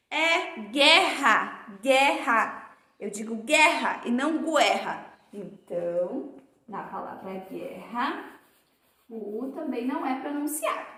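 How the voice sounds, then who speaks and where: Brief: woman, primary teacher for a remote lesson, unhurried, drawn-out words, high voice, echoey room. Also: pushed and bright. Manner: slow, drawn-out sounding of words for children; affectionate, calls pupils dear.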